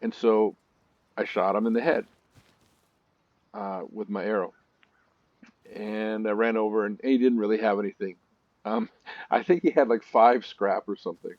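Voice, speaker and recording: A man with a lowish voice narrating his gameplay in a chatty, storytelling way with nervous asides. The sound is dry and close, with a slightly dull, muffled top end. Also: moderate pace, pauses often, no room sound. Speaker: gaming video host. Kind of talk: let's-play commentary.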